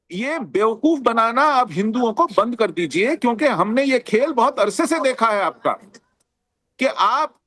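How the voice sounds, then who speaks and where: A man's voice: extremely high pitch, a bit bright, dry recording. A man arguing as a panelist on a TV news debate, emphatic and indignant, building rhetorical points. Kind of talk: heated TV debate argument.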